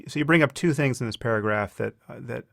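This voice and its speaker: A man's voice: medium pitch, fast, gravelly, a bit bright, no echo, clean studio sound. A man hosting a podcast interview who argues back and interrupts, often repeating words as he restarts. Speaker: podcast host. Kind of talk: debate-style interview.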